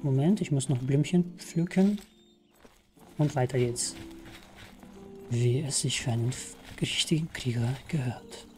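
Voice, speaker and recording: Chatty German-speaking gamer, excitable. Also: male voice, mid-range voice, measured pace, long pauses, a little hiss or hum. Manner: chatty, excitable, exclaims often. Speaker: let's play gamer. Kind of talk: live game commentary. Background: game music.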